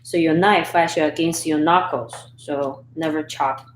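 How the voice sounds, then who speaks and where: Chatty cooking host. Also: female voice, deep voice, steady tone, normal speed, reverberant, slight background noise, low-quality recording. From Sichuan, China. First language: Chinese. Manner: chatty, talks to viewers while chopping, laughs often. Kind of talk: live-stream cooking chat. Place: home kitchen. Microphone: camera and phone setup.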